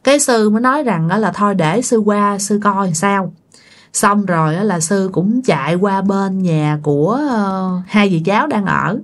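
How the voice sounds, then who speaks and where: A woman's voice: medium pitch, moderate pace. A woman, casually telling a ghost story and talking directly to her listeners. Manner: chatty, addresses listeners directly.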